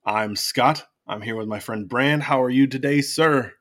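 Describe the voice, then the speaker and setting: A man's voice: medium pitch, normal speed, fairly bright tone. A man hosting a podcast in casual chat with a friend, easygoing, joking and laughing often. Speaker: podcast host.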